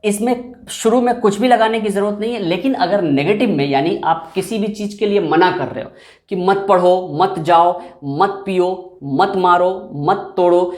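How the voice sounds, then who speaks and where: A man's voice: high voice, normal speed. Male English tutor, patient and repetitive, explaining grammar at a board, recorded with room echo. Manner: patient, repeats and drills example phrases. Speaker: English teacher. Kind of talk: explanatory classroom lesson. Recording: echoey room.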